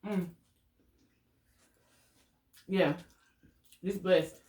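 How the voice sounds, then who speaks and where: A woman's voice: lowish voice, steady tone, drawn-out words, darkish tone. A woman chatting casually and playfully in exclamations as she eats in a mukbang, chewing noisily between bites. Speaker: mukbang host. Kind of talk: casual chat while eating. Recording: roomy, distant mic with noise and clicks.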